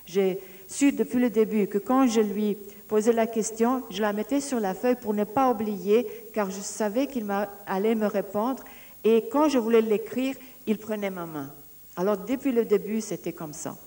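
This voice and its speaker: A woman tells her own story as a personal testimony, bringing it to life and acting out the exchanges she recounts. Her voice is mellow and warm at a middle pitch. She often pauses to search for words and restarts her sentences. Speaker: speaker giving a personal testimony.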